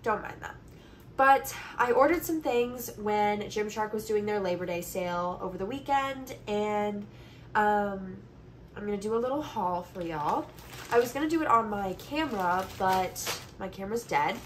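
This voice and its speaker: A woman in her twenties, congested from allergies, films a casual haul chat on her phone in her bedroom. Her mid-range voice moves at a moderate pace, and the phone, held at arm's length or further, picks up noticeable background noise.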